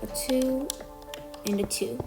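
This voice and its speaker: This high, gravelly voice holds a steady tone and takes its time. Its owner, a tutorial maker feeling a little sick, narrates a building tutorial step by step, counting out blocks and correcting slips along the way, with music underneath.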